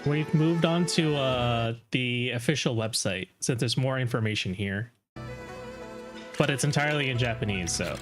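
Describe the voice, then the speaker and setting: A man's voice: medium pitch, moderate pace, music in the background. A man giving casual, off-the-cuff live commentary as a streamer reacting to game trailers.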